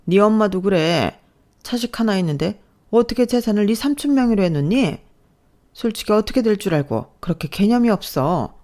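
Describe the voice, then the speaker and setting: A woman's voice: medium pitch, animated, moderate pace, darkish tone, pitched above the performer's own voice, natural voice. A woman voicing a snobbish middle-aged mother-in-law who scolds and belittles her daughter-in-law in a scripted story narration. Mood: scolding.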